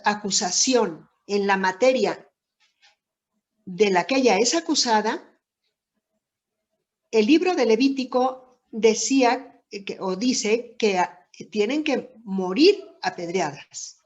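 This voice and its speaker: A woman giving a reflective Bible lesson, speaking deliberately with many pauses and rhetorical questions. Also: fairly high pitch, animated. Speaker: Bible teacher. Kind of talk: slow, reflective Bible teaching. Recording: dull lo-fi recording.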